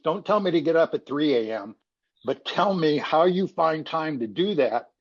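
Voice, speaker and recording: A man asking a question at a recovery meeting over a video call, halting and full of restarts. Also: a little high, animated, lo-fi sound.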